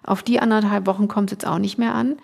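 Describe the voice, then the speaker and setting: A woman's voice: mid-range voice, fairly even intonation, fast, creaky, a little mellow, husky. A middle-aged woman, a podcast guest, earnestly telling a personal story in casual conversation, emotional and full of restarts.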